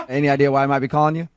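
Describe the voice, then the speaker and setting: A man's voice: mid-range voice, background noise. An American man hosting a morning radio show, bantering casually with callers in a mock-earnest, teasing way.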